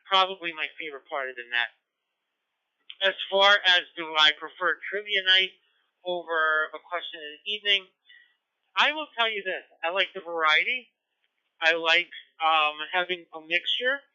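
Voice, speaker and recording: A man's voice: high voice, normal speed, sharp tone, clean tone. A man who is a net control operator, answering on a radio net in a rambling, friendly way with many fillers. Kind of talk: casual radio net chat. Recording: dull lo-fi radio audio.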